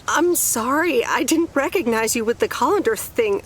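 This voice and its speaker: A woman's voice: fairly high pitch, expressive, a little hiss or hum, natural voice. An actress playing a friendly woman in her forties back in her hometown in a video game, with a light, teasing way of talking. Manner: light, teasing, quick to laugh.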